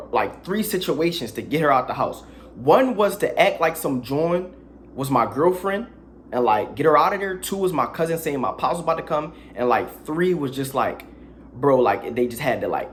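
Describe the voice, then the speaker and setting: Young philly guy telling a crude story, voice jumping all over, bit of hiss behind. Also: mid-range voice. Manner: animated, crude, slangy storytelling with dramatic asides. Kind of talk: casual storytime vlog.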